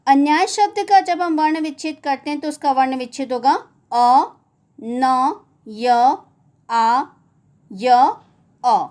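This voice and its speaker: A woman teacher giving a grammar lesson, spelling out sounds one at a time with careful pronunciation. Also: sits high.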